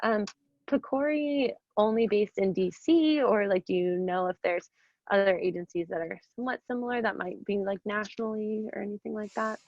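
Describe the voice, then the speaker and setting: A young woman speaks over a video call, her voice coming through muffled and dull, as if from a laptop microphone. The sound is dry and close, with no room echo. She asks her question hesitantly, filling pauses with um and like. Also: mid-range voice, fairly even intonation, a little mellow. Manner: hesitant, many "um" and "like" fillers. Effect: video call audio. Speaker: audience member asking a question. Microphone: computer mic on a video call.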